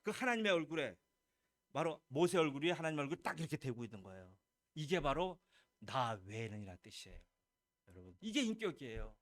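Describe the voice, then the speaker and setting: A man's voice: mid-range voice, big pitch swings, a little fast, dry recording, clean studio sound. A man, a pastor, preaching a Sunday sermon with emphatic questions to the congregation and lines acted out as God's words. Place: church sanctuary.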